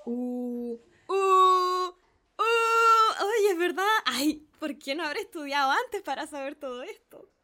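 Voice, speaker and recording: An eager, naive middle-aged gentleman, played by a woman, marvels aloud at every sound he is taught. The voice sits high and swoops wildly up and down. It is a dramatic reading, full of wonder. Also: expressive, slow, exaggerated voice. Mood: awed, eager. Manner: gushing, repeats sounds with wonder. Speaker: reader playing a pupil.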